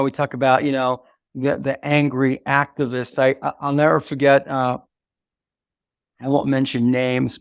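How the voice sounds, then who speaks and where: An older man telling stories as an interview guest, halting and full of restarts. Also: medium pitch, gravelly, no room sound, clean studio sound. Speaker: guest, activist mentor. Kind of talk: reflective storytelling in conversation.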